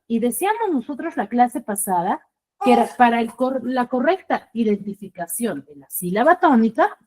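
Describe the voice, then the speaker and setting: Lively high-voiced woman teaching online. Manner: questioning, checks understanding with "¿ya?" and "¿sí?". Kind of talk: online class lesson. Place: online video class. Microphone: video call.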